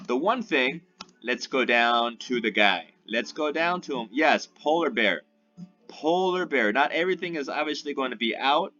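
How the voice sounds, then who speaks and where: Over faint music in a dull, lo-fi recording, a man whose voice is sharp and mid-pitched keeps asking "right?" as he rambles on about the game he's playing for his YouTube channel.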